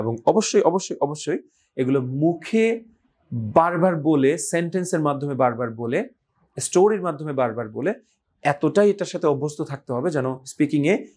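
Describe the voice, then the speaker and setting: Male teacher, patient and repetitive, drills English words slowly with quick check-ins. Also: medium pitch, breathy edge. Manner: explains in Bengali, models English words slowly, repeating them; asks "right?" and praises with "good". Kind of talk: online English pronunciation lesson.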